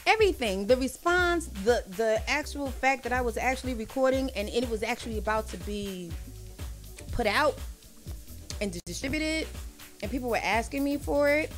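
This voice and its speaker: A woman in her forties, a singer chatting in a casual live-stream interview, animated and quick to giggle. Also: a little high, soft background music. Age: 40s. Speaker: singer guest.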